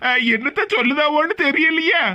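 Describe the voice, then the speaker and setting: A voice actor playing a bewildered young husband in a cartoon, puzzled and exasperated. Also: male voice, extremely high pitch, animated, brisk, pushed and bright, a little hiss or hum, heavily acted. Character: bewildered young husband caught between wife and mother. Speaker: son. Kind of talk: cartoon voice acting.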